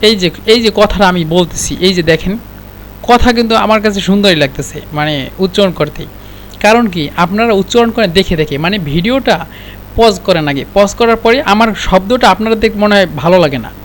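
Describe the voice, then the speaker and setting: A man with a Bangladeshi Bengali accent teaching Arabic pronunciation in an informal spoken lesson, repeating words slowly for learners and speaking colloquially with a touch of exasperation. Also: high voice, slight background noise.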